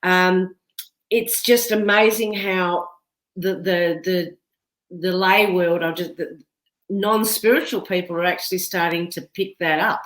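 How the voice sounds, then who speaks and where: A woman's voice: on the low side, fairly even intonation, measured pace, fairly bright tone, roomy sound, poor audio. A woman hosting a podcast, chatting and agreeing easily, often ending with tag questions. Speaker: podcast host. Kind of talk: casual interview chat.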